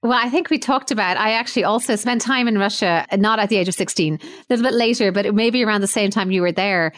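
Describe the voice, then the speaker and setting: A woman host reading a scripted intro and asking curious, measured interview questions. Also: mid-range voice, a bit bright.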